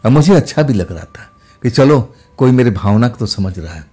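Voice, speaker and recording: Man, storyteller, first-person horror narration, conversational, steady, medium pitch. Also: normal speed, slightly rough.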